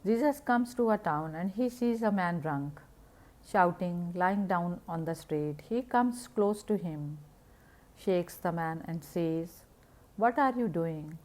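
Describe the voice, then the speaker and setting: Calm, low-voiced woman narrating. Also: slow pace. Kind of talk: scripted story narration.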